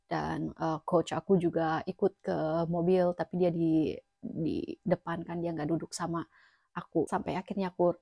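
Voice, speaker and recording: A woman's voice: lowish voice, little pitch movement, unhurried, creaky, warm tone, breathy edge, no echo, studio quality. A young woman casually recounting her own story as a vlogger, chatty and full of fillers, sometimes dropping to a near whisper.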